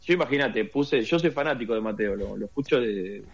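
With an expressive, medium-pitched voice and a quick pace, an Argentine man tells a long story during a casual interview. His Rioplatense accent is clear, and his storytelling rambles, full of fillers.

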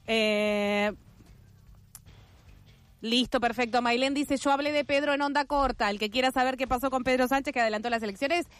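A woman's voice: on the high side, fairly bright tone, dry recording. A woman with an Argentine accent hosting a radio show, chatting casually and irreverently. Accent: Argentine Spanish. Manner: chatty, irreverent, quick asides. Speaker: radio host.

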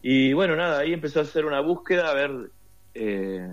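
Brisk and lively in intonation, this Argentine man's slightly high voice comes through with lo-fi sound. He's a guest in a casual interview, rambling through a long story in Rioplatense Spanish with many fillers.

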